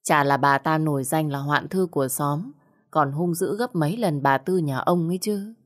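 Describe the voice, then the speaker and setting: A woman with a deep warm voice, reading a short story in slow, heartfelt narration.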